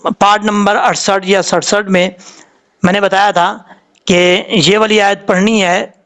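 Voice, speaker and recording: A man's voice: high-pitched, flat delivery, measured pace, a bit bright. A man with a Pakistani Urdu accent teaching Quran reading, patiently drawing out letter sounds to show how they are said.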